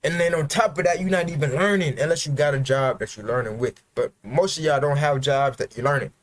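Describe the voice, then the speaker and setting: A man talks straight to his livestream viewers in a raised, slightly high voice. He preaches self-improvement bluntly and drops profanity without apology. His delivery is a motivational rant, pushing his audience hard. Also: a little fast.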